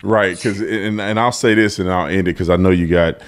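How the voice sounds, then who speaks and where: A man hosting an interview, talking in an animated way and pushing his voice up high when he stacks points. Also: moderate pace. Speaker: interview host. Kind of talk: interview conversation.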